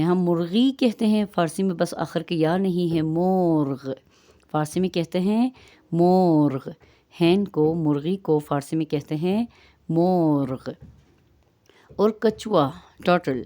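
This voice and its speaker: A woman teaching vocabulary, stretching out words slowly to model their pronunciation. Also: lowish voice, mellow. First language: Urdu. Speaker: language teacher. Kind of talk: vocabulary lesson.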